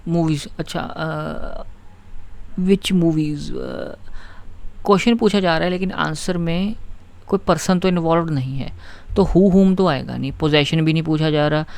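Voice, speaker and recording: A man teaching English grammar in an online lesson, explaining step by step and reading example sentences out slowly. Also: on the high side, gravelly, a little mellow.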